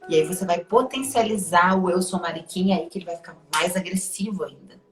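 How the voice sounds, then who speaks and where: A woman's voice: lowish voice, fairly quick. A woman with a Brazilian Portuguese accent, a life coach giving emphatic advice and repeating key points for stress. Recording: echoey room with faint music behind.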